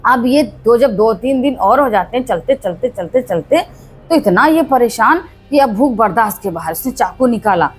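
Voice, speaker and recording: A woman's voice: fairly high pitch, lively intonation, normal speed, soft background music. A woman narrating a horror story in a plain, repetitive storytelling manner.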